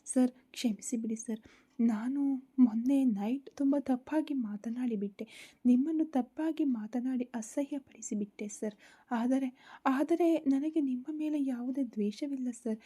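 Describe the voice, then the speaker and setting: A woman's voice: sits high, a little slow. Woman doing a tearful pleading young wife. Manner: pleading, soft breathy delivery.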